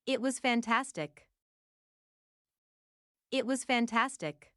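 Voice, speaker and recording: A woman reading short practice phrases aloud for learners, saying each one several times in a deliberate, even way. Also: a little high, dry recording, clean studio sound. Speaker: English phrase reader.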